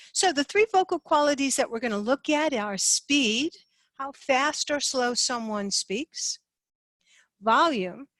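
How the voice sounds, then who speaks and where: Animated woman presenting a sales lesson. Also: on the high side, no room sound. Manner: lively, sings phrases up and down to demonstrate inflection. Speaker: sales trainer.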